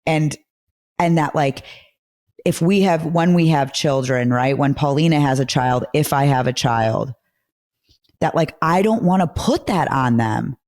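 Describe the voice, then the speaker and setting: A woman's voice: sits low, measured pace, darkish tone. A woman co-hosting a podcast in casual, heartfelt chat, effusive and emphatic, often repeating her phrases. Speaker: podcast co-host.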